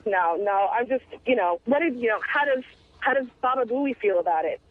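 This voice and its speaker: A woman's voice: fairly high pitch, lively intonation, a little fast, no room sound. A woman calling in to a radio talk show, complaining and rambling with fillers. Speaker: caller. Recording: tinny phone line, dry.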